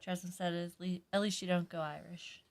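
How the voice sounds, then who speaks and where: Woman co-host reading chat, lowish voice. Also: level tone, fairly quick. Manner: reads chat comments aloud, teasing. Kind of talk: casual live-stream chat.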